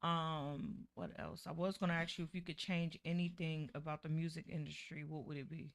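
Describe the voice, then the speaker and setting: A female host runs a casual interview in a recording studio, sounding relaxed and talkative, and keeps sprinkling in "you know what I'm saying." Her voice is deep and her pace moderate.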